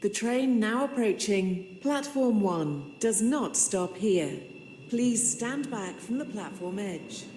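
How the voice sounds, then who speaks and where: A woman's recorded voice making a train station announcement over platform loudspeakers, calm and measured with evenly spaced phrases. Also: medium pitch, in a large hall, slight background noise. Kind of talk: recorded public-address announcement.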